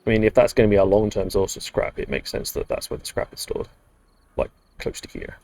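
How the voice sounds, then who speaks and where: British guy rambling on a game stream, low gravelly voice, mellow and dry. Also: lively intonation, fairly quick, no echo. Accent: British English. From United Kingdom. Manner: rambling, dry, muttered asides. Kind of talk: casual live-stream chat.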